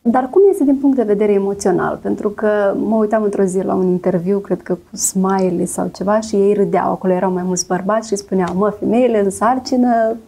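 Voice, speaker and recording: A woman's voice: mid-range voice, vocal fry, few pauses, warm tone, slightly rough. A woman with a Moldovan accent interviewing a guest, attentive and backing her up with frequent murmurs of agreement. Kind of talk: interview questions.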